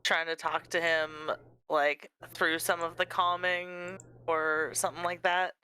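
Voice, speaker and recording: A woman speaks slowly as a player in a tabletop game, in a friendly, unhurried way. Her voice is bright and remarkably clear, and it sits fairly low in pitch. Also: level tone, low-quality recording.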